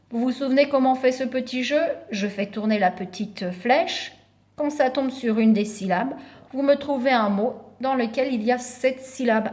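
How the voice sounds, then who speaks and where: A preschool teacher, a woman, records a syllable lesson for her young class at home. She talks slowly and stretches each syllable clearly, in a slightly high voice. She keeps cheering the children on as she goes. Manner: slow, clearly stressed syllables, encouraging.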